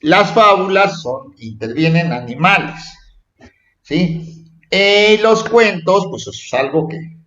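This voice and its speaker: A male schoolteacher walks children through their lesson, repeating instructions and tagging questions onto his sentences. His voice sits a bit high for a man. The recording is roomy and dull, like a classroom caught on a cheap mic. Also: expressive, takes it slowly, fairly bright tone. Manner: repetitive, checking in with "¿sí?" and "¿eh?". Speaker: primary school teacher. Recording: echoey dull lo-fi room recording.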